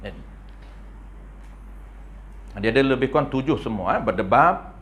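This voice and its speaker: A man with a Malaysian Malay accent giving a religious lecture in a prayer hall, animated and playful, often tagging his points with a questioning "ha?". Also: medium pitch, moderate pace. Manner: playful, acts out little scenes. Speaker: religious teacher.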